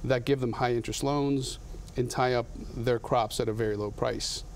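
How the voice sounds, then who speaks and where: A man's voice: medium pitch, steady tone, normal speed, a little hiss or hum. A man in his thirties from Latin America, a guest in a TV studio interview, talking earnestly with frequent restarts on a lapel mic. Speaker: guest, coffee company founder.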